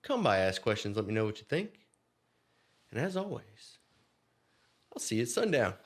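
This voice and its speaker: A man's voice: on the low side, sing-song, moderate pace. A man reading a scripted game review, casually addressing viewers directly.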